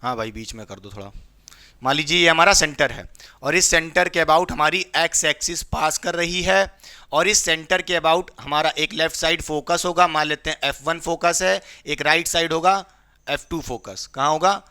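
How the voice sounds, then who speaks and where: Bright, high-voiced male physics teacher. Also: steady tone, normal speed, clear, resonant tone. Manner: repeats questions to students and answers them, call-and-response; playful, jokes with students. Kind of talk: classroom lecture.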